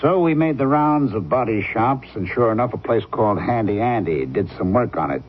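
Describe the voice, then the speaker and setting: A dull, slightly noisy radio drama recording of a man playing a police detective. He is methodical and unflinching, laying out his accusations deliberately. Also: on the low side, animated, close to an everyday voice. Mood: methodical, accusing.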